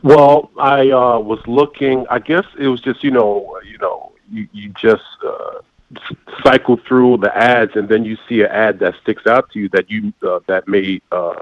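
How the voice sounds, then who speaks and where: A man in his forties telling his story as an interview guest, halting with many fillers and restarts. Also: on the low side, fairly even intonation, no echo, highs cut off. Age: 40s. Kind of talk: candid conversational storytelling.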